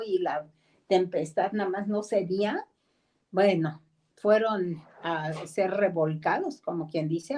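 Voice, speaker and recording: A woman's voice: medium pitch, a little mellow, rough recording. Mexican woman teaching an online Bible class. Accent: Mexican Spanish. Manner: conversational, acts out quoted voices, pauses to ask people to mute. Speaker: discipleship teacher.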